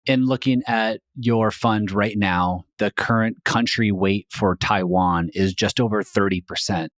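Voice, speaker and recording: A male podcast host with a very low voice asks measured, probing questions. The sound is dry and close, with no room around it. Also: no echo. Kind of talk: interviewing a guest.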